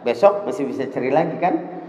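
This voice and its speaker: A man's voice: medium pitch, expressive, fairly quick, darkish tone. A man with an Indonesian accent preaching a sermon, telling stories and acting out the quoted dialogue. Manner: storytelling, acts out quoted dialogue. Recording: echoey hall reverb.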